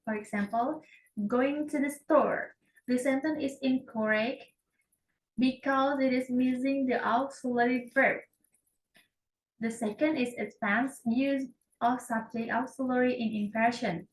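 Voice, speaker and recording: Young student girl, reads her grammar project slow and careful, high-ish voice, kinda far from the mic in an echoey room. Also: steady tone, a little hiss or hum. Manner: careful, slightly halting reading with self-corrections. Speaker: student presenting a syntax project. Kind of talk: reading a class presentation.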